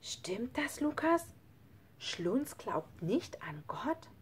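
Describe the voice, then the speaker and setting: Ein ernsthafter, frommer kleiner Junge, von einer Vorleserin gesprochen, schlicht und aufrichtig im Ton, mit lebhafter Sprachmelodie. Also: female voice, sits high, big pitch swings, extremely slow, a little hiss or hum, pitched above the performer's own voice, full character voice. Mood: wondering. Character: earnest, pious little boy.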